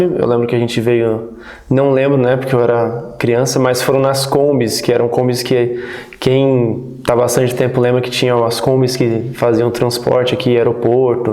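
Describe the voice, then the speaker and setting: A man in his thirties, born in the United States, recalling his childhood as a guest in a relaxed, rambling interview. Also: mid-range voice. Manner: relaxed, rambling, many restarts. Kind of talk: casual interview storytelling. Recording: roomy echo.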